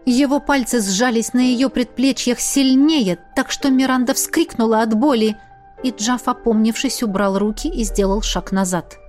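A woman reading a fantasy novel aloud in steady, measured narration. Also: on the high side, faint music behind. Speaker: audiobook narrator.

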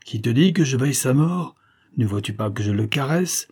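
A man's voice: mid-range voice, lively intonation, normal speed, darkish tone, breathy edge, voice pushed up. A man voicing a furious, haughty noble count who thunders scornful outbursts, reading an audiobook. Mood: menacing.

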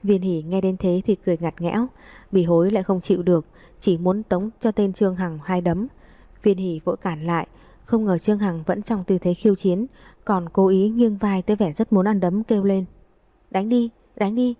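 Brief: woman audiobook narrator, steady reading, warm low-bright tone, dry studio sound. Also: moderate pace, no echo. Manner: steady, even storytelling.

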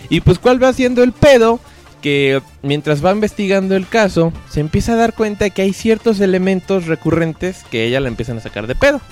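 A Mexican man hosts a podcast in a loose, slangy chat, his pitch bouncing all over as he acts out quotes. A soft music bed sits under his voice. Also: expressive, brisk. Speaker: podcast host. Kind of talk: casual slangy review chat.

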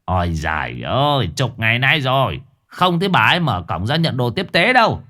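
A man's voice: mid-range voice, very animated, normal speed, sharp tone, pitched above the performer's own voice. A man doing a weary neighbor man calling over. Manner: calling from a distance, sighing.

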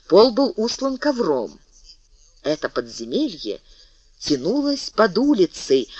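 A man narrating a classic novel as an audiobook, in a measured, expressive way. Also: sits high, dry recording. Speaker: audiobook reader. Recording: dull lo-fi dry recording.

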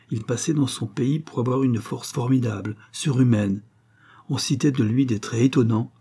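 A man narrating a historical novel in a measured, expressive reading. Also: lowish voice, slightly rough. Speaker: audiobook narrator. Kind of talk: scripted narration.

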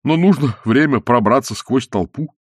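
A man voicing a pompous older colonial official who blusters and shouts in indignation. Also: medium pitch, lively intonation, normal speed, breathy edge, dry recording, studio quality, voice pushed up. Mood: outraged.

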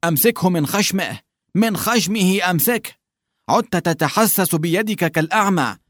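A man's voice: high voice, moderate pace, a bit bright, no echo, clean studio sound, pitched above the performer's own voice. A man doing a bossy, shivering young hunchback peasant. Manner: bossy, scolding, shivering with cold.

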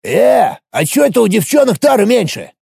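A man narrating an audiobook and voicing a cheeky, boastful male dwarf who complains loudly. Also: sing-song, fairly quick, no room sound, studio quality, full character voice. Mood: indignant. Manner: gravelly, squeaky and complaining. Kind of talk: audiobook character voice.

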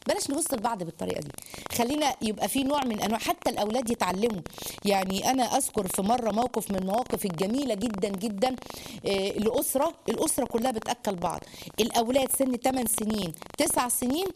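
A woman with an Egyptian Arabic accent giving a religious lesson on marriage, animated and acting out quotes in dialogue. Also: fairly high pitch, racing, noisy background. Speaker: Islamic lecturer.

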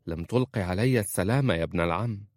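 A man voicing a proud, sharp-tongued young Bedouin woman who answers with bitter, cutting retorts in a storybook reading. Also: on the low side, fast, no room sound, close to an everyday voice. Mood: cold.

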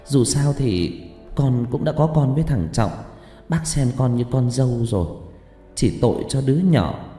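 A man's voice: medium pitch, lively intonation, moderate pace, dark tone, close to an everyday voice. A man voicing a grieving older mother who pleads and laments, in a horror story with heavy reverb and music. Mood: consoling.

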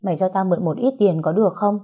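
A woman's voice: mid-range voice, fast talker, slightly rough, lightly acted. Woman voicing a fierce, desperate young woman. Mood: tearful. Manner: sharp-tongued, tearful.

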